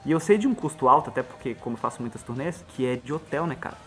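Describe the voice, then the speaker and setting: A Brazilian man, a musician guest on a podcast, talking casually and fast, acting out little bits of dialogue as he explains. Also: medium pitch, soft background music. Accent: Brazilian Portuguese. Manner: fast, animated, acts out dialogue.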